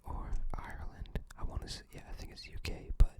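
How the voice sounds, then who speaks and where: This is an ASMR creator's show-and-tell, delivered in a breathy, quiet whisper that's slow and punctuated by hesitations.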